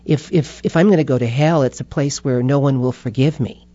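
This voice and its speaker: An older woman talking casually as an interview guest, animated and quick to laugh, acting out voices as she tells her stories. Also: very deep voice, dry recording, highs cut off. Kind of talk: casual chat.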